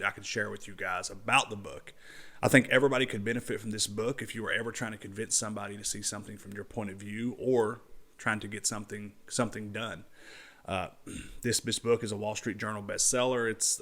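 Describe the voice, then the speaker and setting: A man's voice: fairly low pitch, fairly bright tone. A man hosting a podcast, summing up a book in loose casual talk, with many fillers and restarts. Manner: loose, repetitive phrasing with frequent fillers and restarts. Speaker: podcast host.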